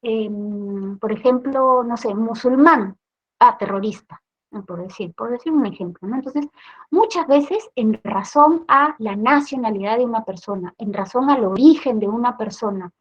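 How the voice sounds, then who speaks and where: Woman, Peruvian accent, trainer, lecture, higher pitch, lo-fi sound. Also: normal speed. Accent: Peruvian Spanish. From Peru. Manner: tag questions, explanatory.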